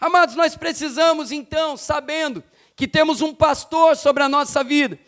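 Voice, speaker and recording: A man preaching an impassioned evening church sermon, rising to shouts and slowing down for emphasis. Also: very high voice. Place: church sanctuary.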